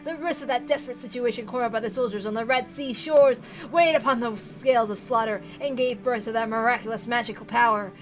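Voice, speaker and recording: Reading from a visual novel, a woman voices a deranged, tyrannical old patriarch in grave, fervent, theatrical howling rants and drawn-out pleading. Her voice is on the high side, pitched below her own yet close to an everyday voice, over soft background music.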